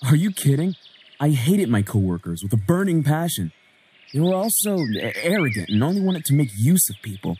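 A man's voice: a little high, sing-song, a little fast, background noise. A man voicing a teasing young husband. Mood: reassuring. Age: 20s. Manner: teasing, wisecracking. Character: joking young husband, playful artist. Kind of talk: indie game voice acting.

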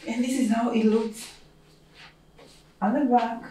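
Talking slowly in a warm, steady, higher-pitched voice, a young woman with a Kenyan accent chats playfully to camera in her living room, gushing and talking herself up. The camera mic records her from a few feet off, so the room sounds echoey, with slight background noise.

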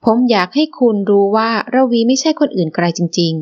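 Woman doing a steady firm young man, level emphatic delivery, muffled lo-fi audio. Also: fairly high pitch, a little fast, lightly acted. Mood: earnest.

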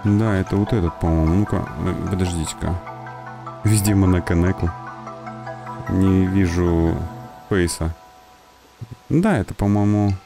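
A man with a deep voice narrates a game playthrough. He talks casually and thinks aloud in an informal way, with music clearly audible behind him. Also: warm tone. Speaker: gaming host.

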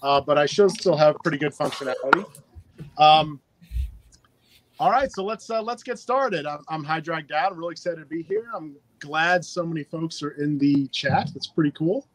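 A man's voice: a little high, normal speed, fairly bright tone, rough recording. A man hosting a live stream giveaway in a casual, chatty and upbeat way, talking into a phone. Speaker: livestream giveaway host.

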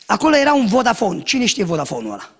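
Brief: male pastor, high and very lively sermon voice, acts out dialogue. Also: husky. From Romania. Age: young adult. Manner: animated storytelling, acts out shouts and dialogue, jokes.

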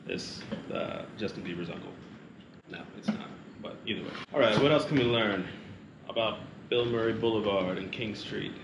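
A man's voice: on the low side, normal speed. A man chatting casually on a family travel vlog, reading facts aloud and joking with a child. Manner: joking, playful, teasing a child. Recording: echoey room with steady background noise.

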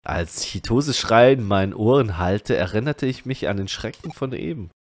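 A man reading game dialogue and narration aloud as a let's player, lively and shifting between characters' lines. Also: on the low side, moderate pace.

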